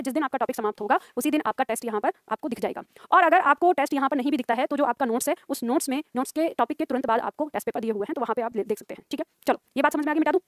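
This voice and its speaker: A woman's voice: sits high, no room sound, clean studio sound. A woman teacher giving a lecture to students, explaining with examples and repeating lines for them to write down. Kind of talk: classroom lecture.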